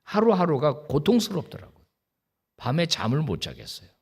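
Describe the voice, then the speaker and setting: A man's voice: fairly high pitch, wildly swooping pitch, moderate pace, gravelly, a little mellow, breathy edge. A middle-aged man, a pastor preaching a sermon in a church, telling a personal story and acting out the quoted voices with bursts of emotion. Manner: storytelling with acted-out quotes, rising to emotional outbursts. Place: church sanctuary.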